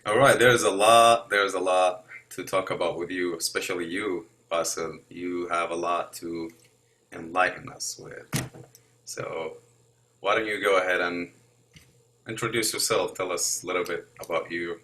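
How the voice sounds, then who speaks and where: Male podcast host, very deep voice, bright forceful tone, upbeat and chatty. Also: fairly even intonation, moderate pace, low-quality recording. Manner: upbeat, chatty host who keeps things moving. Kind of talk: casual podcast hosting.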